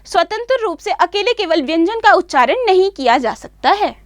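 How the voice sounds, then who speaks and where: A woman teaching a grammar lesson for children, slowly and carefully spelling out each sound and repeating the points. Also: very high-pitched, very animated, no room sound, clean studio sound.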